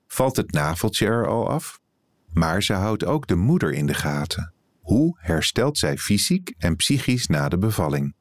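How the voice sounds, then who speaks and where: A man, an editor, reading a written reportage aloud in calm, even scripted narration. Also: deep voice, dry recording.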